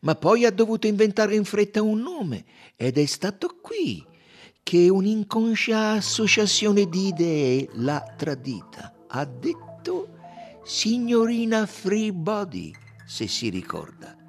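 A man doing Poirot, sly and high-voiced. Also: very animated, slow pace, soft background music, full character voice. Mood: explaining. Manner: soft, persuasive, sly and amused. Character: fussy clever older male detective.

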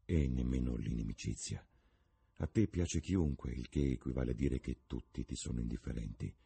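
Male reader as a quiet, earnest painter; dark, husky timbre. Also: low voice, sing-song, normal speed, pitched above the performer's own voice, heavily acted.

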